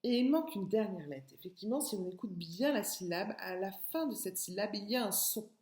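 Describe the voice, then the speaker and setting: A woman's voice: mid-range voice, expressive, brisk, a little mellow, reverberant. A woman teacher with a French accent giving a patient, step-by-step writing lesson to young children, spelling out sounds and syllables. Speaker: kindergarten teacher.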